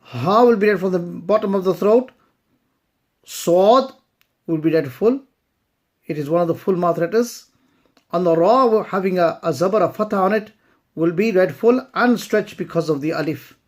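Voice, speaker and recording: A woman teaching recitation, chanting verses slowly and then explaining pronunciation rules in brisk spoken asides. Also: fairly low pitch, darkish tone. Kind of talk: slow tajweed lesson.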